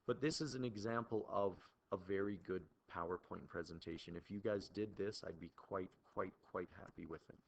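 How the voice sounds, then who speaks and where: A male teacher giving a recorded lesson to his class in an informal, animated way, with joking exclamations. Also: sits low, normal speed, gravelly, hardly any pauses.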